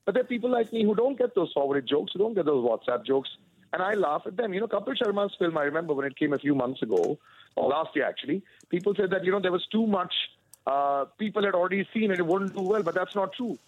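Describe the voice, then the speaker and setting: A man with a slightly higher voice talks fast and eagerly as a film gossip correspondent. His tone is husky and dry. The sound is dull and lo-fi, as if he is phoning in. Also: expressive. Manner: chatty, opinionated, enthusiastic. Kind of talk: casual chat over radio.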